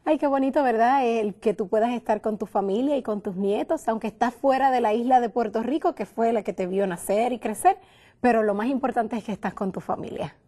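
A woman in her thirties hosting a TV cooking show from a studio kitchen, upbeat and quick to echo her guest. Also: on the high side. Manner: bright, affirming echoes of her guest. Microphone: lapel mic.

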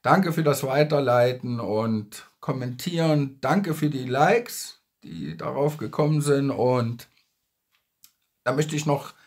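A man's voice: mid-range voice, slow, breathy edge. A man in his fifties from Germany talking casually and earnestly to his followers, emphatic and often repeating himself, recorded indoors on a phone. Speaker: social media creator. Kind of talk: casual video message to followers. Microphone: phone at arm's length.

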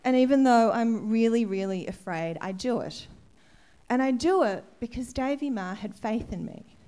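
Woman, yoga teacher, candid personal story, emotional, soft laughs, ashram gathering. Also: on the high side, moderate pace, clear, resonant tone. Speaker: yoga teacher giving a satsang talk. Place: ashram hall.

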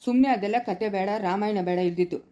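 A woman's voice: mid-range voice, fast talker, warm tone, natural voice. A woman playing a firm, middle-aged male village elder in a rural family drama.

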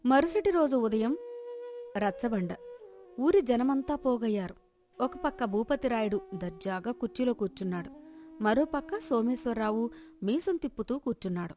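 Woman narrator, measured storytelling, fairly high voice, soft background music. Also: lively intonation. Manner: measured, scene-setting delivery.

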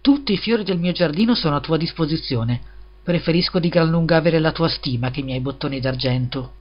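A man's voice: fairly high pitch, fairly quick, close to an everyday voice. A man reading a storybook and voicing a little, humble, eager-to-please peasant gardener in a meek voice. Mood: gioioso. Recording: slightly dull lo-fi recording.

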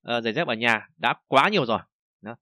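Lively, bright-voiced male language teacher. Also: medium pitch, no room sound, clean studio sound. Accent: Vietnamese. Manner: reads example sentences slowly and loudly, explains casually. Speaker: Chinese teacher. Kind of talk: language lesson.

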